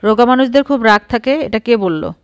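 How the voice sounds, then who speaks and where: A woman's voice: a little high, lively intonation, fairly quick, no room sound. Woman reading as a nosy young teacher lady, a bit amused, storybook style. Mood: prying. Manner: prying, lightly amused. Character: curious, pretty young schoolteacher woman.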